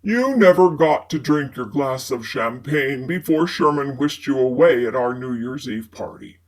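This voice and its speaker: A woman voicing a suave, protective man from the 1950s, speaking low, calm and coaxing. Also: unhurried, full character voice.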